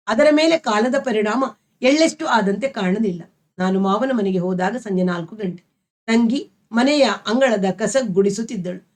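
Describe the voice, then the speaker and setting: A woman storyteller reading a novel aloud in a measured, expressive way. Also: fairly high pitch.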